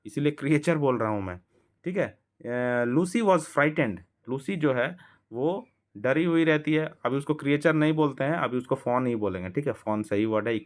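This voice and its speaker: A male teacher explains a children's story. He reads each line slowly, then explains it in Hindi and acts out the characters' lines. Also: mid-range voice.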